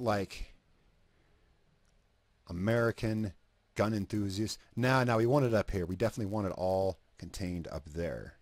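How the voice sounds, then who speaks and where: Deep-voiced man thinking aloud while editing. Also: darkish tone, no echo. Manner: thinks aloud, trailing off and restarting, swears casually. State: talking with a cigarette in his mouth. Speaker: video creator narrating an editing session. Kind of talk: casual screen-recording commentary.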